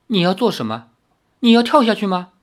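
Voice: mid-range voice, very animated, brisk, pitched above the performer's own voice, lightly acted. A reader doing a tearful young girl. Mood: worried. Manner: tearful, pleading. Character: young girl, tearful and tender toward the hero.

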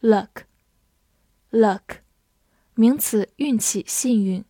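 A woman reading an English vocabulary review. She says each word twice in a deliberate way, then gives its part of speech and meanings. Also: on the high side, mellow, no room sound, studio quality.

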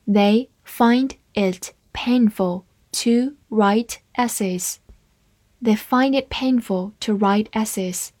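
A woman teaching English vocabulary, spelling each word out letter by letter and repeating it slowly. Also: on the high side, darkish tone, dry recording. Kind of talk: slow, spelled-out vocabulary lesson.

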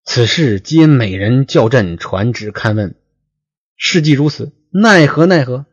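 A man's voice: fairly low pitch, expressive, a little slow, a little mellow, slightly rough, no echo, muffled recording. A man voicing a weak, indecisive ancient king in a read-aloud classic tale, fretful and alarmed.

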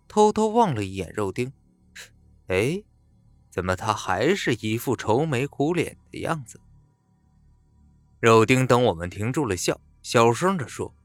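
A male storyteller narrates a horror tale with animated, rising and falling delivery. His voice sits dry and close to the mic, with faint background music underneath. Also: on the low side, no room sound. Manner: lively, expressive, acts out dialogue.

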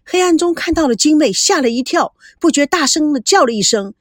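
Woman reading a story out loud, lots of feeling, voice swoops all over, dry close mic. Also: sits high, animated, brisk, dry recording. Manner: dramatic, emotive storytelling. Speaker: narrator. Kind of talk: scripted story narration.

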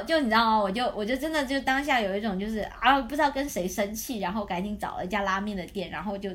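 Young female podcast host, lively storyteller, quick laughs, voice on the high side. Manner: animated, chatty, laughs often while telling a story. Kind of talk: casual storytelling chat.

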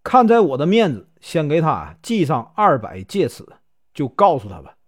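A ragged old monk, sly and easygoing, as a man puts him on. His voice moves widely and sits slightly high. He comes from a spoken folk tale. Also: wildly swooping pitch, moderate pace. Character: shabby cunning old male monk.

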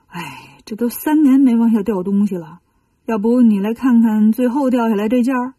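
A woman voicing a stingy, grumpy male dragon king of a well, speaking low and muttering, for a children's story. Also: moderate pace, dark tone, slightly rough, no room sound, distant mic. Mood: grumbling.

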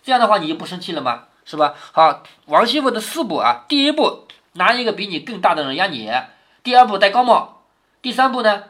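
Man, storybook reading with commentary, animated pitch, bright tone, keeps asking rhetorical questions. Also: brisk. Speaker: father reading to his daughter.

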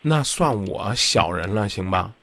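Blunt, lively male radio advice host. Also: on the low side, a little slow, no echo. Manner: blunt, insistent, lecturing.

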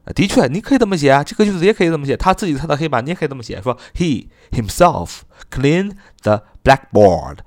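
A man gives an English grammar lesson, explaining in Chinese and reading example sentences slowly and carefully. He keeps asking the class questions and then answers them, spelling words out one letter at a time. The recording is dry and close, with no room sound. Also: on the high side, expressive, no room sound. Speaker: English teacher.

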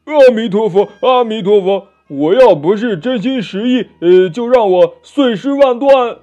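A greedy pig demon, played by a male storyteller, whines and pleads in a high, swooping, mellow voice full of grunts. The storybook recording is dull and lo-fi, with faint music behind it. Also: sing-song, measured pace, slightly rough, full character voice. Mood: pleading. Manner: wheedling, whiny, full of filler grunts.

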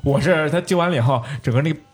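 A man's voice: a little high, very fast, soft background music. A man co-hosting a podcast, chiming in with brief remarks in casual chat and laughing along. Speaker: podcast co-host.

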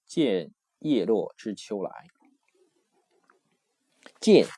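A man explaining a textbook lesson as a language teacher, in a loose, conversational way with many fillers, slowly repeating words to drill pronunciation. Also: fairly low pitch, a little mellow, no echo, clean studio sound.

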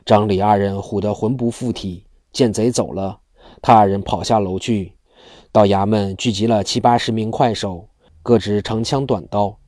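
A man reads a classic martial arts novel aloud in steady storyteller fashion. His voice is low and dark, mellow rather than bright. It is recorded close and dry, with no room sound. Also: normal speed, dry recording. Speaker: narrator.

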